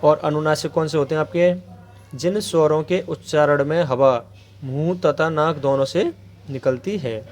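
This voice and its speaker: A man's voice: a little high, measured pace, darkish tone. A man teaching an exam-prep grammar lesson, asking questions aloud and answering them himself, with frequent check-ins to viewers. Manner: asks rhetorical questions then answers them; repeats a check-in phrase to viewers.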